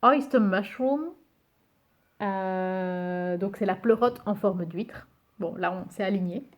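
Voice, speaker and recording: Woman host of a casual show-and-tell video: amused, musing aloud, halting over names, mid pitch. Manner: hesitant, many fillers, muses aloud over names; reads English card titles slowly and carefully. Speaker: YouTuber presenting a card game.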